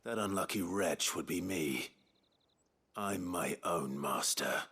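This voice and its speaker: An actor playing a stern, defiant young warrior with a raspy voice, grim and measured. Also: male voice, low-pitched, sharp tone, full character voice. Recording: game audio under faint music.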